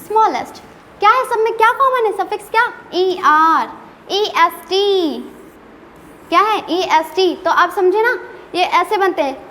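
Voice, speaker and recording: Very high-voiced woman teaching grammar. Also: fairly bright tone. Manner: asks frequent rhetorical questions to students; playfully scolding. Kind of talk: classroom-style grammar lesson. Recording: long reverb with faint background noise.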